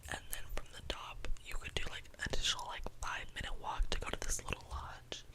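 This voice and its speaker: Young adult ASMR creator, fully whispered through cupped hands, breathy and close, lingering on repeated phrases. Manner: repeats phrases slowly for effect.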